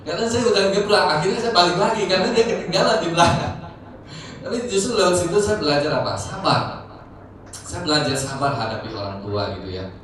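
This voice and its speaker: A man in his forties, a church leader, tells a personal testimony in a conversational way, full of fillers and growing animated as he retells events. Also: a little high, brisk, slight background noise. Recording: echoey hall, mic far off.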